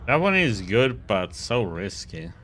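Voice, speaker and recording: A man's voice: lowish voice, very animated, measured pace, fairly bright tone, a little hiss or hum. A man giving casual gameplay commentary, musing aloud to himself as he plays. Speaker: gamer playing through a mission.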